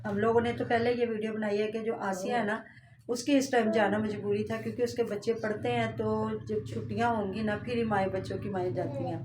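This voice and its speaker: A woman's voice: mid-range voice, steady tone, a little fast, noisy background. Chatty woman rambling through a reaction vlog. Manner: chatty, rambling, many fillers and asides. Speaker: vlogger reacting to family vlogs. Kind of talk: casual reaction commentary.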